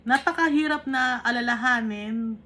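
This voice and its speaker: Leading a Bible study, a woman from the Philippines reads verses in English, then explains them in easygoing Tagalog while checking in with tag questions. She speaks at normal speed in a slightly high, bright voice with a forceful tone.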